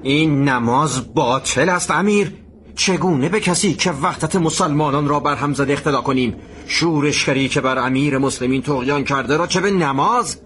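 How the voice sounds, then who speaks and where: A man's voice: fairly high pitch, a bit bright, a little hiss or hum, pitched above the performer's own voice, natural voice. A man voicing a hot-headed young male soldier who speaks in a tense, heated way. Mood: accusing.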